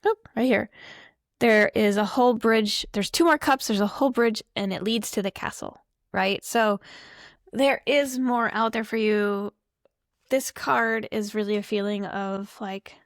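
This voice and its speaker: A woman's voice: mid-range voice, gravelly, no room sound, clean studio sound. A woman reading tarot cards to camera in a loose, rambling, apologetic way, full of asides. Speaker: tarot reader.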